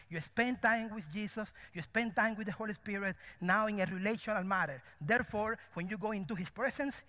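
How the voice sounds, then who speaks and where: Animated preacher with a Cuban-born lilt. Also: male voice, high-pitched, in a large hall. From Cuba. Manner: animated, dramatic preaching with acted-out voices. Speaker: pastor. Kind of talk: sermon.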